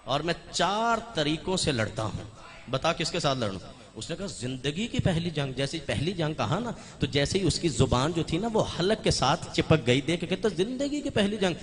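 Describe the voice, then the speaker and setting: A man preaching a Muharram majlis sermon in a Pakistani Urdu accent. He climbs to shouted, fervent peaks, then drops to quiet asides. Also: fairly high pitch. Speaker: Shia preacher. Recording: long hall reverb.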